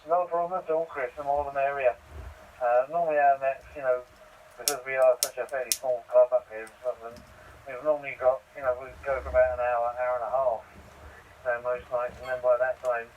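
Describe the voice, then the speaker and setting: A man's voice: mid-range voice, little pitch movement, a little fast, slight background noise. A man with an Essex accent running an amateur radio net, chatting casually with many fillers. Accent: Essex English. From Essex, England. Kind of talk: amateur radio chat with call signs. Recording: distant, muffled radio transmission.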